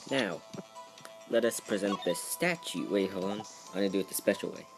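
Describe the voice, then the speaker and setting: A man's voice: low-pitched, moderate pace, over music. A man giving casual, joking commentary while he plays through a video game. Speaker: let's play commentator.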